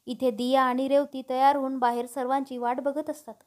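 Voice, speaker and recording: Woman storyteller, high voice, steady expressive reading. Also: brisk. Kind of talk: storybook narration.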